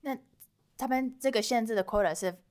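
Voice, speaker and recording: A woman's voice: fairly high pitch, brisk, darkish tone. A woman host, interviewing guests and slipping English words into her questions. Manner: code-switches with English words.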